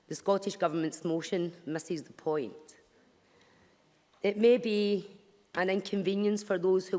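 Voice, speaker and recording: A woman member of parliament, her voice slightly croaky, arguing firmly in a debate speech. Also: fairly low pitch. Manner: firm, argumentative. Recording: long reverb of a debating chamber.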